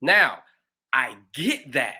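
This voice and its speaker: A man, a pastor hosting a livestreamed conversation, telling his own stories in an animated, expressive way. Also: medium pitch, very slow, breathy edge. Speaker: pastor and show host.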